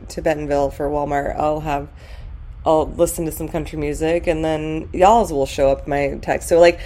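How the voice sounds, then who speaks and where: A woman's voice: sits low, fairly even intonation, moderate pace, warm tone, slight background noise. A middle-aged woman from California chatting candidly on a podcast, reflective, with many fillers. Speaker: guest. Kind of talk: casual podcast conversation.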